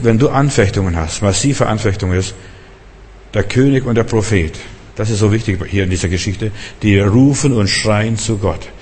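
A man preaching a sermon, emphatic and repetitive, rising to fervent shouts. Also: on the low side, breathy edge. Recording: long church-hall reverb.

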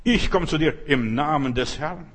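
Man doing a defiant young shepherd, husky, a bit high. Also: moderate pace, a bit bright. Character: bold young shepherd defying a giant.

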